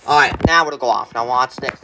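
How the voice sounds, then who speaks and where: Recorded on a handheld camera, this tutorial features a man talking briskly at a medium pitch. He walks through the hands-on task in an informal, folksy, meandering way, while background noise and handling clicks come through clearly.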